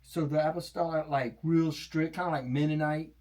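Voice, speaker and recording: Deadpan joking male host, higher voice. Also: moderate pace. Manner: dry, deadpan joking asides. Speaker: comedian host. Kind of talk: casual chat.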